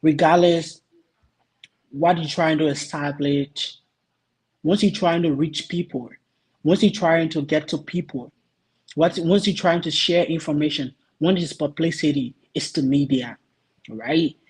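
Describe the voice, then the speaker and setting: A man from Liberia answering interview questions earnestly, pausing often with ums while he searches for words. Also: a little high, steady tone, slightly rough, low-quality recording. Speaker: guest, youth association vice president.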